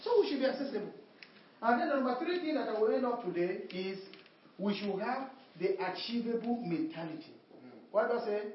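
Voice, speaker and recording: A fairly high-pitched woman preaches, calling out to her congregation and returning again and again to emphatic refrains in call-and-response style. Slight background noise accompanies the dull, echoey sound of a distant mic in a hall.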